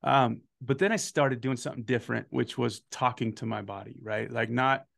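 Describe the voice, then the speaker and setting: A man in his thirties hosting a podcast, an energetic storyteller who swears freely and keeps asking "right?". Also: medium pitch, moderate pace, gravelly. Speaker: podcast host. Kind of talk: casual chat.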